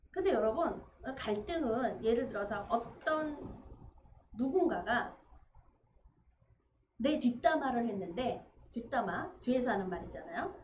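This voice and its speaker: A woman pastor preaching a sermon in an animated way, acting out quoted conversations. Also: high voice. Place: church sanctuary. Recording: echoey church room, dull sound, faint noise.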